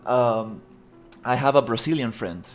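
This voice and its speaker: Unhurried and medium-pitched, this man from Costa Rica talks casually on his live stream as he builds 3D models, rambling, using plenty of fillers, and muttering through the work over soft background music.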